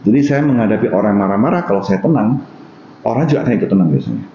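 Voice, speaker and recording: A man with a North Sumatran Indonesian accent talks calmly on a podcast. His voice is warm and mellow, and he works through everyday examples as he explains. The sound is roomy and a little dull, with faint hiss behind it. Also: on the low side, rapid-fire. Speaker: podcast guest speaking on Buddhist practice. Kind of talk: casual podcast conversation.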